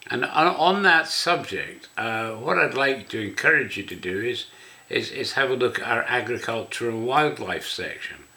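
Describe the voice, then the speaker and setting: An older Scottish man with a smoker's rasp talks casually and ramblingly, guiding listeners through a website. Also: medium pitch, lively intonation, normal speed, bright, forceful tone. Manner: rambling, conversational. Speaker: website host.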